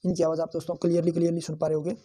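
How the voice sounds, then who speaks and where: A man teaching a shorthand lesson, saying each word slowly and several times so students can repeat after him, and calling his viewers friends. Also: fairly high pitch, completely flat delivery, warm tone. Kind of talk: lesson with drilled repetition.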